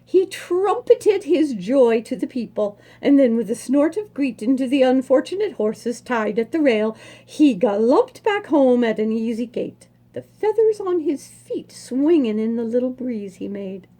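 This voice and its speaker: A female storyteller reads a children's book aloud in a high, mellow voice, and she's very animated. She lingers over the words, taking her time and pausing for dramatic effect.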